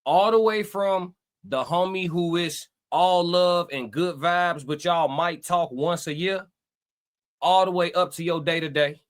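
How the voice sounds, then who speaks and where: A man's voice: high-pitched, unhurried. A man hosting a live reaction stream, talking to his chat and giving emphatic life advice. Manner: preachy, emphatic, talks to chat.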